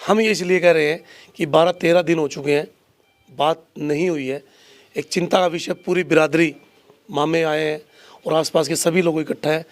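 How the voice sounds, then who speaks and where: A man's voice: on the high side, steady tone, normal speed, no echo. Earnest male local news reporter. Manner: earnest, appealing directly to viewers. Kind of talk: field report and interview.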